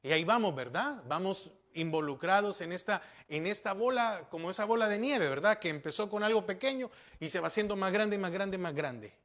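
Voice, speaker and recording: A man's voice: high-pitched, animated, fairly quick, few pauses, fairly bright tone. A man pastor preaching a sermon, asking rhetorical questions and repeating key words for emphasis.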